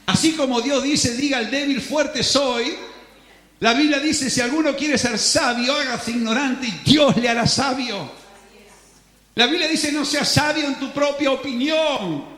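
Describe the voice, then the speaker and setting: A man preaching a sermon as pastor, impassioned, moving between soft passages and loud ones. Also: extremely high pitch, unhurried. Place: church hall. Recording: echoey church room.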